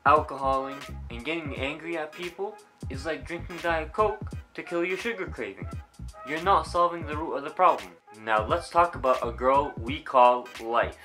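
A man's voice: on the high side, moderate pace, sharp tone, faint music behind. A man hosting a vlog who narrates with comedy and punchy, jokey asides. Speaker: host.

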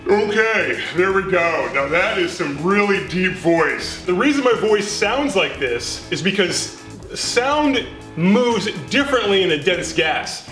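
Male science host speaking through a dense gas that deepens his voice. Eager and explanatory, recorded in a roomy space with soft music underneath. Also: slow. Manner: excited, explaining as he goes. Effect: voice made unnaturally deep by a dense gas. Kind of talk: casual science demonstration.

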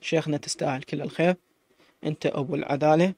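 A man's voice: on the high side, fairly even intonation, fast, darkish tone. A man with an Iraqi accent voicing a loyal, grateful young tribesman who speaks emphatically.

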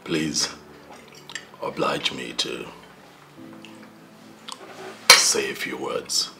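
An actor with a Nigerian accent playing a polite young prince who speaks slowly and formally. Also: male voice, rumbling low, steady tone, gravelly, over loud music, full character voice. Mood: grateful. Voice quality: slow and formal.

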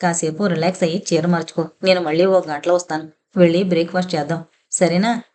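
Gentle caring woman friend, read by a woman, soft, reassuring, audiobook. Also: medium pitch, brisk, lightly acted. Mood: soothing. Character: caring gentle female friend, soothing and firm.

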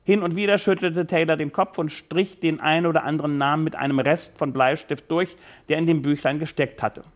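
A man reading from his own book aloud, lively storytelling with the occasional slip. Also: a little high, a little fast. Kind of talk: live literary reading.

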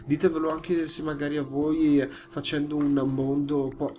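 A man's voice: fairly high pitch, flat delivery, moderate pace, darkish tone, a little hiss or hum. A young man with an Italian accent commenting live on his gameplay, jumpy and easily startled, chatting to his viewers. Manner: jumpy, yelps when startled, talks to viewers. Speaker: gaming YouTuber.

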